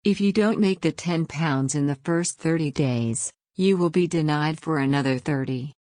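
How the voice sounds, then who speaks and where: A woman's voice: deep voice, normal speed, darkish tone, dry recording, studio quality. A woman giving scripted instructions straight to the listener in a strict, commanding, condescending manner. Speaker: dominant trainer in audio recording. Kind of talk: scripted direct-address narration.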